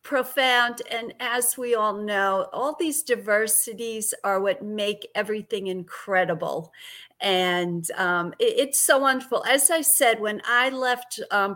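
A woman's voice: medium pitch, fairly bright tone. An older woman with a Brooklyn accent speaking as an author guest in a conversational interview, effusive and emphatic. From Brooklyn, New York.

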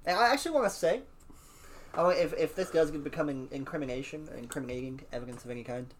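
A young man in casual podcast chat, telling stories in an animated, swearing, trailing-off way. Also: a little high, fast talker, slight background noise.

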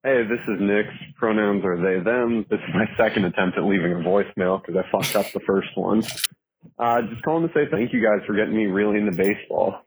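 A man leaving an earnest, thankful voicemail message that is played back, talking casually with some halting pauses. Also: fairly low pitch, slight background noise, poor audio. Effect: recorded voicemail played back on the show.

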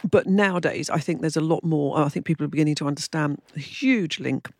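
Fast-talking woman podcast host. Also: low voice, a little mellow, no room sound, clean studio sound. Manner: chatty, quick to agree and prompt. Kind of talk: casual interview chat.

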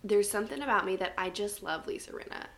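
A woman's voice: mid-range voice, quick pace. A young woman co-hosting a podcast, chatting casually about reality TV with lots of asides. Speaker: podcast co-host. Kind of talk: casual chat.

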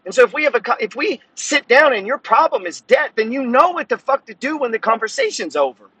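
A man's voice: very high-pitched, big pitch swings, fairly quick, pushed and bright, breathy edge, no echo, poor audio. Blunt, cursing man in his fifties. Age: 50s. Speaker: podcast host. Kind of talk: profane motivational monologue.

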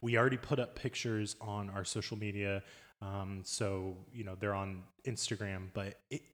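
Man, podcast co-host, low register, animated casual storyteller, long reverb on the mic. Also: normal speed. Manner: animated storyteller, laughs often. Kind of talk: casual travel chat.

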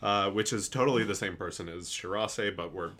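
Low-voiced snarky man recapping a show. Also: a little fast, a bit bright, husky. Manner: laid-back, frequent "um" and "like", snarky asides. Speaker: podcast co-host. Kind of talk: casual recap chat.

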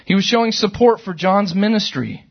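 Male pastor, middle-aged, husky voice, fairly high pitch, lively sermon delivery, church service. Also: normal speed, lo-fi sound. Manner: animated, conversational preaching with sudden loud outbursts.

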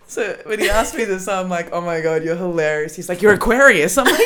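Australian woman, low pitch, casual podcast chat, animated storytelling, acts out quotes. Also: moderate pace. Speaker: comedian guest.

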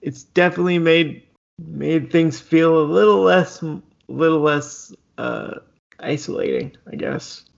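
A man's voice: a little high, measured pace, creaky, highs cut off. A man hosting a podcast, asking questions over a video call, hesitant with many restarts and fillers. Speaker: podcast host.

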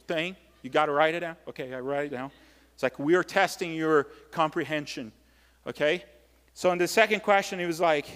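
A Brazilian pastor whose first language is Portuguese preaches in English, his second language, in a noticeably high-pitched voice. The sermon is conversational and animated, built on personal stories in which he acts out short exchanges, and the hall around him adds long reverb.

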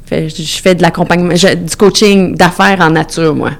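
Relaxed man, nature coach. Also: high-pitched, brisk, vocal fry. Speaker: guest, nature business coach.

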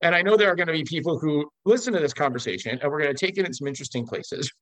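A man's voice: on the high side, animated, rapid-fire, a bit bright, no echo, low-quality recording. An American man from Los Angeles hosting a casual interview, talking in an expansive, emphatic way. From Los Angeles, USA. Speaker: interview host.

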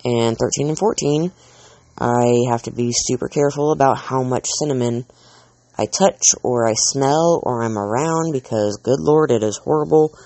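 A man's voice: medium pitch, warm tone, no room sound. A man hosting a casual monologue, chatty and rambling, drifting off on tangents and full of filler words. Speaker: host counting down a list.

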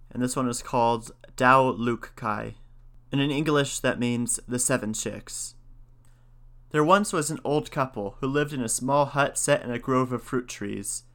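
A man reads folk tales aloud at a measured pace, then talks them over in a plain, even voice. His delivery is steady and unhurried. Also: mid-range voice. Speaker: storyteller and commentator. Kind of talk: reading folk tales with commentary.

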